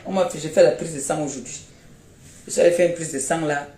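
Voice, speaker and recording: A woman's voice: low voice, fairly even intonation, fast. A Cameroonian woman rants on a phone live stream, mocking and scolding in blunt, repeated jabs. She sounds tired and unwell. The room is echoey, with a faint hiss underneath. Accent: Cameroonian French.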